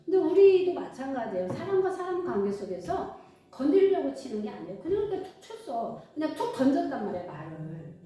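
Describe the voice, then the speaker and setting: A middle-aged woman pastor preaching in a lively, conversational way, acting out short bits of dialogue, recorded from a distance in a church hall with faint music behind her. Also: sits high, fairly quick. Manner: conversational, animated, acts out dialogue. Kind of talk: sermon. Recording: echoey hall, far from mic, faint music.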